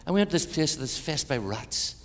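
Jokey older Irish preacher in a hall. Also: male voice, a little high, fairly quick. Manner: animated, jokey storyteller. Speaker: missionary preacher. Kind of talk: storytelling sermon. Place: church hall with a congregation. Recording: echoey hall, faint ambience.

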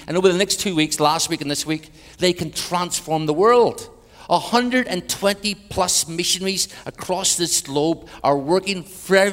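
An Irish man preaching an evangelistic sermon with personal testimony in a large church, swinging between loud emphatic peaks and hushed passages, with wry humorous asides. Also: on the high side. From Ireland. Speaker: guest preacher, minister to Europe. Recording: church hall with long reverb.

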